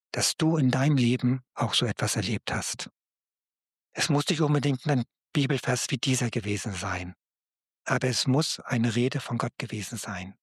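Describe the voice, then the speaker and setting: A man giving a gentle, personal Bible talk, speaking directly to the listener. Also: medium pitch, breathy edge, no room sound, studio quality. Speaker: preacher.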